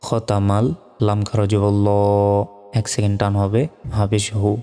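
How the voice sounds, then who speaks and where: A man with a low, mellow voice teaches Quran reading slowly and patiently, spelling out each Arabic letter and vowel mark before chanting the verse. A long hall reverb trails his words. Faint music sits underneath. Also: completely flat delivery. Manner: slow, patient, methodical.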